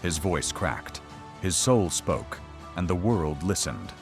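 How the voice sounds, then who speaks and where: A man's voice: deep voice, very animated, takes it slowly, over loud music. A man narrating a scripted documentary in a dramatic, mocking storytelling manner.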